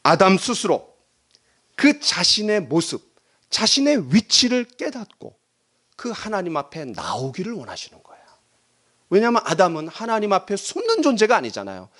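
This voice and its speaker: A man's voice: high voice, huge pitch swings, moderate pace, fairly bright tone. A man preaching a Sunday sermon as pastor, dramatically acting out the voices in the quotes he tells. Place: church sanctuary.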